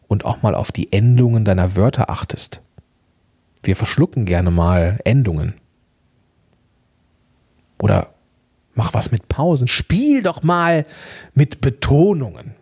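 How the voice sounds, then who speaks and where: A man hosting a podcast, giving chatty, encouraging advice straight to the listener and often checking in with a quick "ja?". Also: medium pitch, a little mellow, husky. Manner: chatty, encouraging, addresses listener directly with frequent "ja?". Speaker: podcast host and coach. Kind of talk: casual podcast advice monologue.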